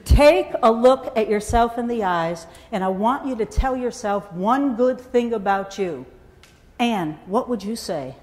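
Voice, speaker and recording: A woman's voice: fairly high pitch, measured pace. A woman giving a motivational talk to a live audience, telling stories with animation and calling on listeners by name. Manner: animated storyteller, calls on audience members by name. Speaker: motivational speaker. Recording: echoey hall.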